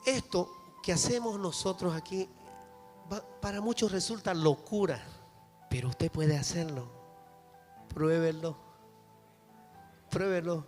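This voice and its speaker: A man's voice: on the high side, a little mellow. A man with a Bolivian accent, a pastor preaching fervently to his congregation. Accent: Bolivian Spanish. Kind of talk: sermon. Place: church hall. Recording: reverberant church hall with music.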